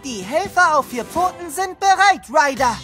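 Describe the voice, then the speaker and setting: Earnest, high-voiced boyish puppy. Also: female voice, lively intonation, moderate pace. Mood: dutiful. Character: earnest, dutiful young police puppy. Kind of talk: children's cartoon audio drama acting. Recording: music behind.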